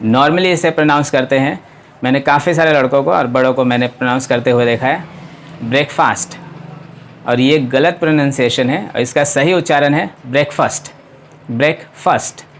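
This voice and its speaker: A man teaching English pronunciation, spelling out words letter by letter and repeating them slowly. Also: mid-range voice, a little hiss or hum. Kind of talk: pronunciation lesson.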